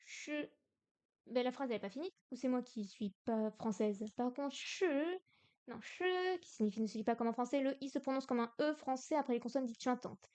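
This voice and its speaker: A woman's voice: sits high, moderate pace, a little mellow. A young woman from France in a casual livestream study session, repeating syllables aloud and exaggerating the tones. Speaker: streamer learning Chinese.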